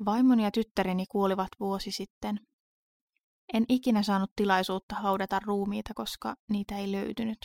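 Woman voicing a somber widower; gravelly, subdued, close dry sound. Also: mid-range voice, little pitch movement, darkish tone, no echo, lightly acted. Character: grieving widowed man, quiet and somber.

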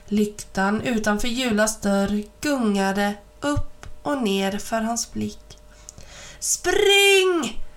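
A woman reading a children's story aloud as an audiobook, in even, clear storytelling narration. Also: medium pitch. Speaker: reader.

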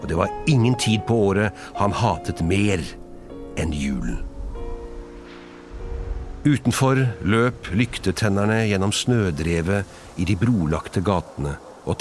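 Expressive low-voiced male storyteller. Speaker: narrator. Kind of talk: scripted storybook narration.

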